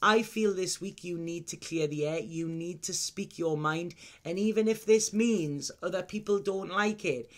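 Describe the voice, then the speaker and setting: Higher-voiced man giving a mystical horoscope reading. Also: unhurried, few pauses. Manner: reassuring advice with repeated "okay?" checks. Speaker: tarot reader giving weekly horoscope readings. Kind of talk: mystical horoscope reading, unscripted and addressed to the listener.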